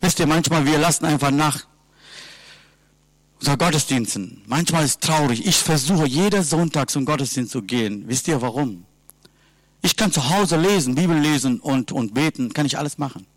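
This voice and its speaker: A man preaching a sermon in simple, halting sentences, earnestly asking his listeners question after question. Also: on the high side, lively intonation, no room sound. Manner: earnest, asks repeated rhetorical questions. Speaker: lay preacher.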